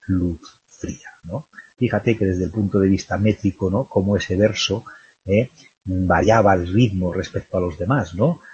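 In a recorded lecture analyzing a poem, a literature teacher with a low, darkish, husky voice thinks aloud and checks in with the listener after nearly every phrase through constant tag questions. The recording is dry, dull, and lo-fi.

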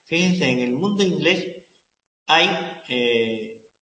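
A man's voice: fairly high pitch, animated, extremely slow, a bit bright. Man lecturing in an echoey hall. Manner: emphatic, repeats key words, asks the class questions. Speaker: university lecturer. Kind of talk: classroom lecture.

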